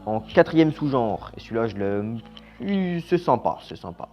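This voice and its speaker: A man's voice: medium pitch, lively intonation, a little slow. Blunt, slangy man reviewing horror films. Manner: blunt, slangy, trails off quietly at phrase ends. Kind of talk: casual opinionated film review. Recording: slightly dull lo-fi sound with faint music.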